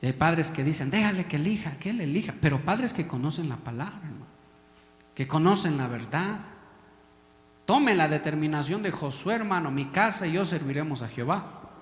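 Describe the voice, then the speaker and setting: A male pastor with an Ecuadorian accent delivers a sermon in a high, ringing voice. He presses his listeners with questions and keeps calling them brother. The room is a big hall with a long, echoing reverb. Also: lively intonation, normal speed. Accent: Ecuadorian Spanish. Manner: preachy, repeatedly addresses listeners as brother.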